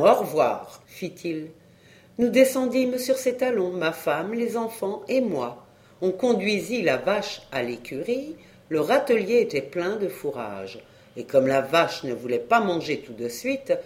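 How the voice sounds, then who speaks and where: A reader giving a literary story in expressive, varied audiobook narration. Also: medium pitch.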